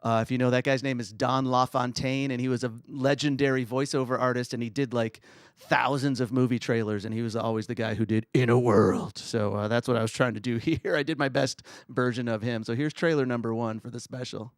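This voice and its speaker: A middle-aged man with a raspy voice who hosts his own livestream, chatting casually and rambling in a self-deprecating way. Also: medium pitch, steady tone, brisk, dry recording, clean studio sound.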